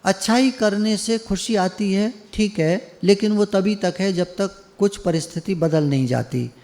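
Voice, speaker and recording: A man's voice: sits high, a little slow, a little mellow, in a large hall. A man giving a conversational devotional discourse over an online call, teasing his listeners and acting out the people he quotes. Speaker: spiritual teacher. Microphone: online video call.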